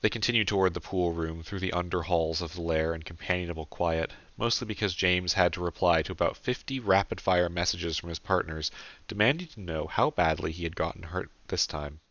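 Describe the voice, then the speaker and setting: A man narrates his own audiobook in a deep voice with a bright, forceful edge. He tells the story steadily and earnestly. The close, dry home recording sounds a little dull and lo-fi. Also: brisk, dry recording.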